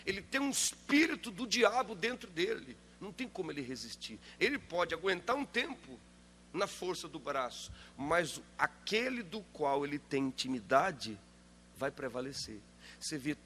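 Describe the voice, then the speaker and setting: A man with a high voice delivers a sermon as a pastor. He presses the congregation with rhetorical questions and builds to forceful, loud peaks of emphasis. A faint hum sits under his voice.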